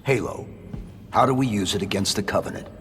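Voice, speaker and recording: Brief: actor as laconic game super-soldier, low-pitched and controlled, echoing in a large hall. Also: male voice, a little fast, natural voice. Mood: stern, focused. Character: stoic, terse male armored super-soldier. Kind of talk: cinematic video game acting. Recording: long hall reverb with music behind.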